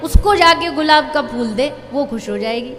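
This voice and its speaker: A woman telling a devotional story as a sermon, acting out the characters' lines with lively expression. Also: high-pitched, normal speed, big-room sound, music in the background. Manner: lively, acts out dialogue in the story. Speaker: spiritual storyteller.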